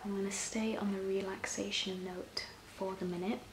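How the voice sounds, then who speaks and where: A woman in an ASMR role-play as a personal shopper, soft-spoken and often breathy, explaining things gently and a little hesitantly. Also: mid-range voice, flat delivery, moderate pace. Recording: roomy echo, clear background noise.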